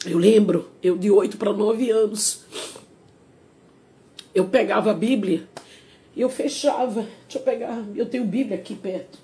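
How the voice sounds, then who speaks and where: A woman's voice: mid-range voice, normal speed, pauses often, mellow. A woman with a Sergipe accent from Brazil, speaking through tears in a confessional live stream, pleading and emotional. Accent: Sergipe Brazilian Portuguese. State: crying. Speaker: singer. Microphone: phone.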